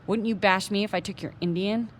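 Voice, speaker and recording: A woman's voice: mid-range voice, steady tone, fairly quick, a little hiss or hum, close to an everyday voice. A woman reading aloud and voicing a stubborn young boy who whines and insists on getting his way. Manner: whiny, insistent. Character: upset young boy in pain, possessive and stubborn.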